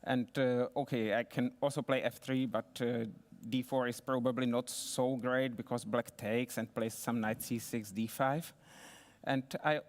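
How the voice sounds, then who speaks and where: A man speaking as a chess player and interview guest, explaining his game move by move in a halting, methodical way. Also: mid-range voice, flat delivery. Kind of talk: post-game analysis. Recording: reverberant hall acoustics.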